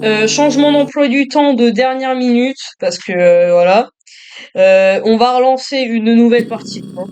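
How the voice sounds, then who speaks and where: A man's voice: extremely high pitch, normal speed, noisy background. A male gamer doing joking commentary on a horror game, talking to himself and to viewers as he plays.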